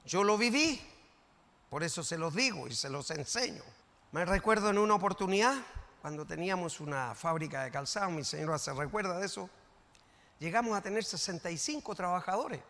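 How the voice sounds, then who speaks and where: High, bright-voiced Chilean pastor preaching. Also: male voice, lively intonation, a little fast, in a large hall. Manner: impassioned preaching that swings from soft to shouting. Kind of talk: sermon. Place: church sanctuary.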